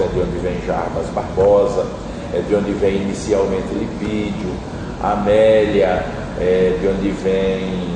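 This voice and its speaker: A middle-aged man, recalling past events in a measured, reflective interview. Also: low voice. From Brazil. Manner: measured, reflective, with frequent tag questions. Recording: distant, echoey, noisy room.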